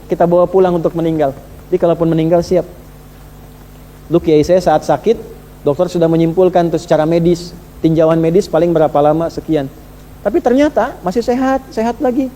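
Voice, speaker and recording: A man preaching a sermon to a live audience in a conversational way, asking questions and swinging between emphatic and hushed delivery. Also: fairly high pitch. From Indonesia. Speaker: Islamic preacher. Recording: reverberant hall with faint noise.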